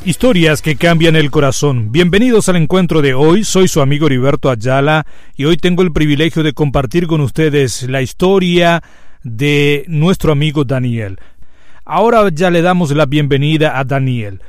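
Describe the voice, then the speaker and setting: Man, radio host, slightly high voice, dry studio sound, faint music underneath. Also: normal speed, no room sound. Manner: calm, scripted introductions and gentle questions.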